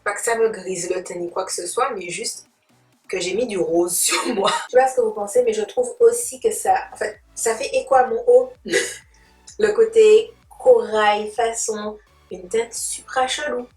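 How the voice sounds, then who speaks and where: This beauty vlogger chats in slang while showing her makeup, playful and friendly toward viewers. Her medium-pitched voice is steady, measured and a little mellow. The sound is roomy and distant-miked, with music behind her.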